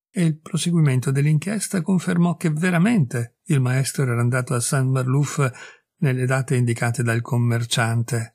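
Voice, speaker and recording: A man reading a classic short story aloud as narrator, in a measured, steady storytelling manner. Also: mid-range voice, husky, no room sound, studio quality.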